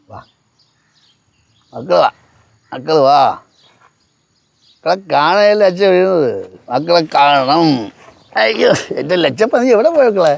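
A man's voice: a little high, gravelly, full character voice. An actor playing a stubborn, drunk father who coaxes his daughter with doting baby talk. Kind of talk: sitcom acting.

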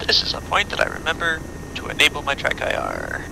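A man's voice: fairly high pitch, wildly swooping pitch, fairly quick, creaky. A man talking casually to his team as a pilot in a military simulation game, giving informal instructions. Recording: loud aircraft engine noise. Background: helicopter and aircraft noise.

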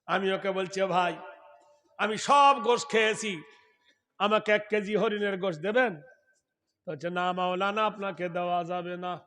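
A male Islamic preacher telling a sermon story, chanting scripture in long melodic lines and breaking into loud shouts. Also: sits high, a little slow, pauses often.

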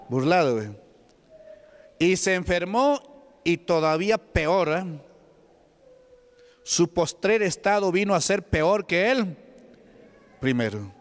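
A man with a Peruvian Spanish accent, a deacon preaching a testimony sermon, telling a story and asking the congregation questions. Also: high-pitched. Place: church hall. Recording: long hall reverb.

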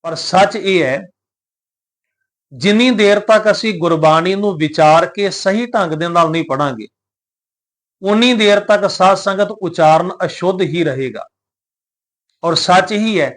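High-voiced man teaching scripture pronunciation. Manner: addresses the congregation, poses rhetorical questions; measured, explanatory delivery. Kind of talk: devotional teaching talk.

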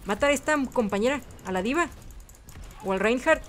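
Excitable woman narrating gameplay. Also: fairly high pitch, a little fast. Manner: excitable, chatty, sprinkles English words. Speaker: gaming channel host. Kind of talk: let's-play commentary.

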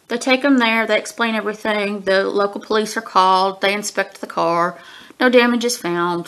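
In a small room at home, a woman in her forties gives a chatty, rambling book review, full of ums and throat-clearing, her allergies making her sniffle. She speaks in a medium-pitched, bright, forceful voice into a webcam at desk distance.

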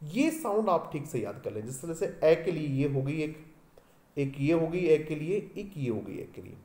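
A man's voice: on the high side, big pitch swings, moderate pace, dark tone, reverberant. A male teacher with an Indian English accent giving an exam-prep lecture, repeating each point and quizzing his students as he goes.

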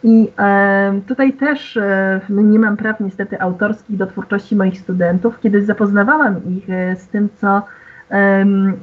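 A woman's voice: mid-range voice, fairly even intonation, measured pace. A woman giving an online lecture, explaining patiently to her listeners and hesitating often with fillers. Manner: explains to the audience formally. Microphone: video call. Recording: tinny phone-like online call audio.

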